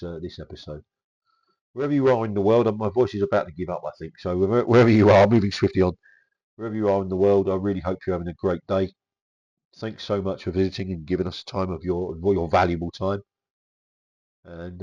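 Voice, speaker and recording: A man with an English accent hosting a casual car history talk; his voice is raspy and slightly nasal from a cold, and he talks haltingly with many fillers and restarts. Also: low-pitched, mellow, lo-fi sound. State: getting over a cold. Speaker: host.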